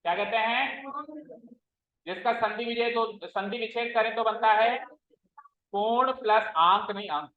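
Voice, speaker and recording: A man's voice: sits high, a little slow, long pauses. A man teaching maths to a class, stern and repetitive, quizzing his students as he explains. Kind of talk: classroom lecture. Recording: roomy, dull lo-fi classroom recording.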